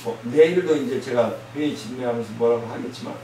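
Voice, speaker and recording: A male pastor preaching a sermon, blunt and scolding, with loud emphatic outbursts. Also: mid-range voice, quick pace. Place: church sanctuary. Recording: very echoey church hall, mic from a distance, faint hiss.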